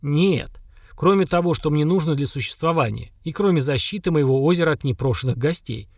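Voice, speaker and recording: A man voicing an ancient, simple-minded lake monster, speaking in slow, blunt, flat statements. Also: fairly high pitch, dry recording, clean studio sound. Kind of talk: audiobook character voice.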